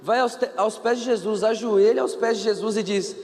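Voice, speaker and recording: A man with a Brazilian Portuguese accent preaching a sermon in an animated way, acting out the people in the story and asking the audience questions. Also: high voice, normal speed, long reverb tail. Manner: animated, acts out quoted characters, asks the audience questions.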